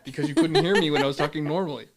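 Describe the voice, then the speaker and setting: A man co-hosting a podcast, talking casually and bluntly in a low-key voice that people take for grumpy, often laughing through his stories. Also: fairly even intonation, rapid-fire, a crowd in the background. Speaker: podcast co-host. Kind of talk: casual chat.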